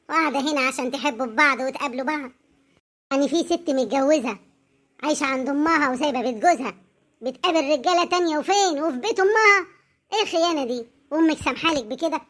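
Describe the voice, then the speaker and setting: A high-voiced performer playing a jealous, angry young husband in a cartoon, speaking fast Egyptian Arabic in a shrill, scolding way. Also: a bit bright. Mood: accusing. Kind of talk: cartoon voice acting.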